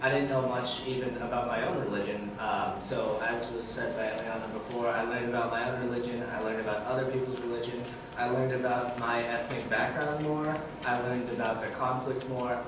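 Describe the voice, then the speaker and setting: A young man in a large church hall calmly sharing his experience in front of an audience, with many ums. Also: mid-range voice. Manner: relaxed, reflective, with fillers. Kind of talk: personal testimony at forum. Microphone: far camera, no mic. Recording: echoey hall, distant, with noise.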